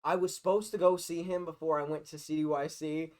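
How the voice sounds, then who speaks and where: A man's voice: on the high side, little pitch movement, a little fast. Young man telling a rambling story. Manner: rambling storytelling, loud when laughing. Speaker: podcast guest. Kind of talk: casual chat.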